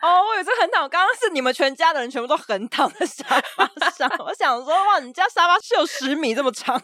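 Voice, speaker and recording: A woman's voice: sits high, expressive, fast, sharp tone, dry recording, studio quality. A woman co-hosting a podcast, reacting playfully and laughing often. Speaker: podcast co-host. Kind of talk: casual chat.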